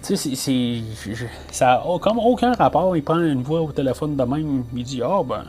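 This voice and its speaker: A man's voice: fairly high pitch, lively intonation, moderate pace, a little mellow, faint music behind. A man with a Québécois French accent hosting a podcast, reviewing a film in casual talk, full of fillers and restarts. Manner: hesitant, many fillers and restarts. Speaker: podcast host.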